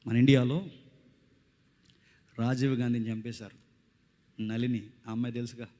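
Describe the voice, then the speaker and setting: A man preaching a village revival sermon, swinging between loud preaching and hushed tones, repeating phrases and questioning the crowd. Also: medium pitch, big-room sound. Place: outdoor village meeting stage.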